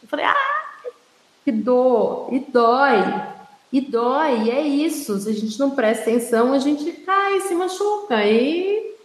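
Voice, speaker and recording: A woman's voice: sits high, expressive, normal speed, reverberant. A Brazilian woman educator talking through child development in her home office, explaining things and checking in with tag questions. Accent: Brazilian Portuguese. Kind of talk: informal teaching talk to an audience.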